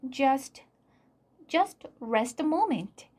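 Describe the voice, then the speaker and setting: Worried young boy trying to keep his nerve in a storybook, as a woman reads him, pitched a little higher, unhurried and earnest. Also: animated, a little mellow, heavily acted. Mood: anxious. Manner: earnest, urgent storybook dialogue.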